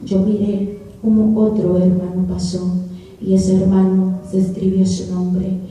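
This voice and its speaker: A woman's voice: mid-range voice, monotone, a little slow, mellow, far from the mic, soft background music. Woman testifying in an echoey church hall. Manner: earnest storytelling, retells dialogue in repeated phrases. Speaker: church member giving testimony. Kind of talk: testimony of a spiritual vision.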